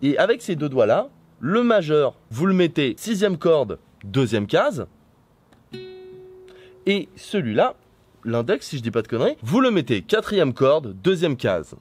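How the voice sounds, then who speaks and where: A man's voice: a little high, sing-song, unhurried, a little mellow. A young man giving a casual guitar lesson outdoors while on holiday, chatty and self-mocking, with rambling asides. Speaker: YouTuber teaching guitar. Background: guitar playing.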